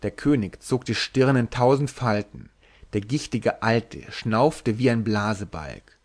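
Male narrator of a classic tale, measured, mid-pitched voice. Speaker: audiobook narrator. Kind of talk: scripted narration.

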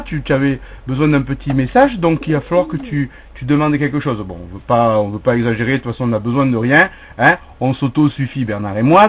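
A man filming a playful home video, coaxing and teasing his pet bird in baby talk and joking to the camera. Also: a little high.

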